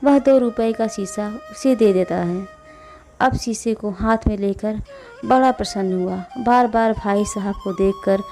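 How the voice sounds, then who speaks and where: A woman hosting a devotional channel, narrating a folk tale in a gentle, steady storytelling manner. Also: mid-range voice.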